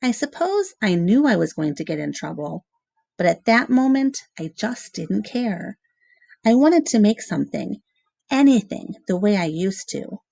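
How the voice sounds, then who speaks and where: A woman with a medium-pitched, gravelly voice reads a children's novel aloud, recorded with no echo. Her storybook narration is measured and expressive, with short pauses between phrases.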